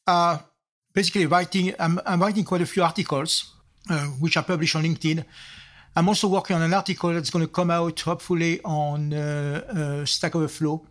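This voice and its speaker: A man's voice: a little high, steady tone, fairly quick. An older man with a French accent, a guest in a podcast interview, explaining concepts point by point with frequent restarts. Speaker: guest, software architect. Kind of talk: interview answers.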